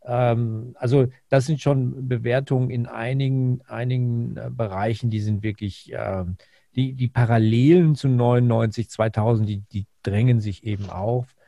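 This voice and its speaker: A man co-hosting a podcast, giving conversational market commentary haltingly and repeating words as he thinks. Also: medium pitch, fairly even intonation, gravelly, warm tone, dry recording. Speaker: finance podcast co-host.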